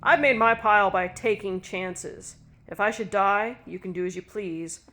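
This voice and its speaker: A woman's voice: medium pitch, moderate pace, a bit bright, close to an everyday voice. A woman reading a story, voicing a ruthless middle-aged husband who talks harshly and chuckles at his wife's fears. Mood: cold.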